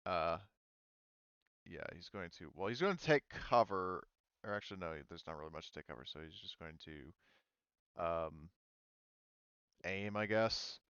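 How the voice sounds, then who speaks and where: A man serves as game master for a tabletop role-playing session, thinking aloud in halting stretches. His lowish voice is very clear, expressive, and a bit bright. The recording is dry and slightly muffled.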